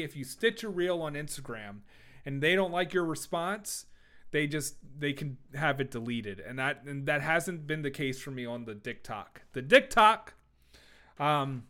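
A man's voice: medium pitch, animated, moderate pace, pushed and bright. A young adult man hosting a casual solo podcast, talking in a rambling, jokey way with lots of swearing, fillers and restarts. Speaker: podcast host.

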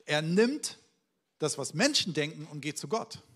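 A man in his thirties preaching a sermon, swinging between loud outcries and quiet, hushed asides and speaking straight to his congregation. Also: fairly high pitch, sing-song, measured pace, breathy edge. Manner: addresses the congregation directly with questions. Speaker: pastor.

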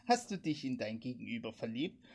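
Woman reader doing a male cop on the phone, calm, low, husky. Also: fairly quick, full character voice. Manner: teasing then matter-of-fact. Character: joking male police officer friend.

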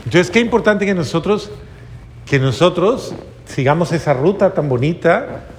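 Animated storytelling male preacher. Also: on the high side, normal speed, slight background noise. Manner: storytelling, animated, addresses audience. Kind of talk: sermon.

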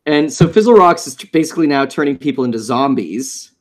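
A man's voice: a little high, lively intonation, fast talker. A man co-hosting a casual show recap, playful and jokey. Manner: playful, jokey, puts on silly voices. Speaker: podcast co-host.

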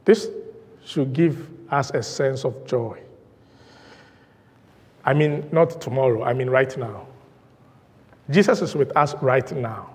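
A man's voice: mid-range voice, slow pace, pauses often, long reverb tail. A male pastor preaching a sermon in a church, emphatic and rhythmic, driving points home through repetition. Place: church sanctuary.

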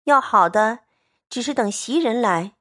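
Lady doing a cheeky young housemaid, bantering, slow story reading. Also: on the high side, animated, fairly bright tone. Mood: pert. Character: pert quick-witted young maid.

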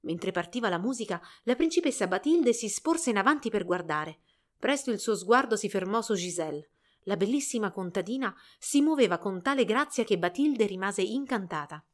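A woman reading a fairy tale aloud in an expressive storybook narration. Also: medium pitch, normal speed.

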